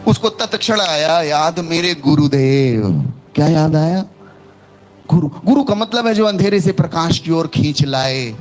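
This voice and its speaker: A man's voice: fairly high pitch, moderate pace, soft background music. A man preaching a sermon in Hindi, telling a parable and calling out to his congregation for responses. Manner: animated, calls out to the congregation. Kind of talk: sermon with storytelling and call-and-response.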